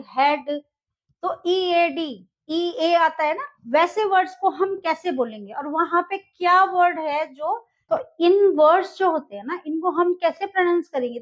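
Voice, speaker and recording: A woman teacher explaining English pronunciation in a video lesson, mixing in English phrases and often checking in with "okay". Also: extremely high pitch. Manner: repeats words and checks in with "ok" and "dekhiye"; mixes Hindi with English phrases. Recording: slightly dull lo-fi audio.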